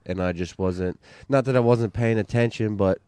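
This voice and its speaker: A man's voice: on the low side, normal speed, darkish tone, smooth, no echo, studio quality. A man in casual podcast chat, telling a story in a rambling way with lots of fillers and restarts. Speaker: bowhunter on a hunting podcast.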